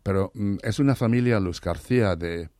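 A man speaking Spanish as a learned language, hoarse today, talking eagerly in an interview and often restarting or repeating words. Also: lowish voice, normal speed, warm tone, dry recording, studio quality. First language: not Spanish. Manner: enthusiastic, restarts words, many repetitions. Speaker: interview guest, literary scholar. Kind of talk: thoughtful conversational interview.

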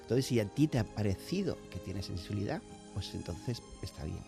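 Chatty male novelist over soft music. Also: lowish voice, very animated, a little fast, creaky. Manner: chatty, reflective, laughs easily. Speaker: novelist guest. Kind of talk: radio interview. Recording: soft music playing underneath.

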